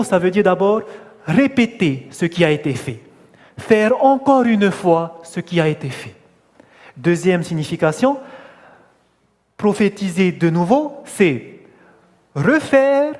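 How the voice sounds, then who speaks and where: A man's voice: high voice, darkish tone, big-room sound. A man preaching a sermon, putting questions to his listeners and stressing key words as he answers them. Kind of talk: sermon teaching.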